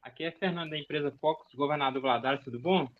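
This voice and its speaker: A man practicing a cold call, hesitant and stumbling over his pitch. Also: fast talker. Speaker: mentee practicing a sales call. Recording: tinny phone-like sound.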